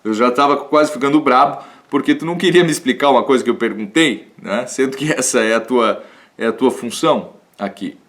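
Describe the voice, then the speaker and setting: A puzzled, impatient medieval king, as a lecturer retells him. He questions his teacher with growing indignation in an everyday male voice of middle pitch. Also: a little fast, a bit bright, lightly acted. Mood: puzzled, indignant.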